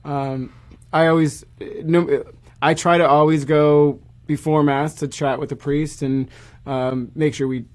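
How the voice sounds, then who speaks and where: A male church musician chatting on a podcast in a friendly, easygoing way, tossing in quick asides. His voice sits a little above the usual male pitch. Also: little pitch movement. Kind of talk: casual podcast chat.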